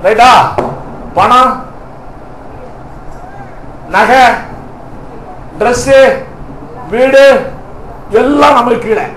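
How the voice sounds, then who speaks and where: In an echoey hall, a male pastor delivers an impassioned sermon, throwing rhetorical questions at the congregation and breaking in with amen and hallelujah. His voice is extremely high-pitched with a fairly bright tone, and there is slight background noise.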